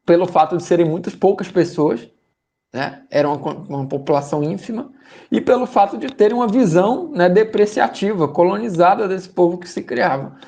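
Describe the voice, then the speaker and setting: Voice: mid-range voice, fairly quick, creaky, mellow. A speaker with a Brazilian accent summarizing a book for a study group, hesitant, with many fillers and repeated words.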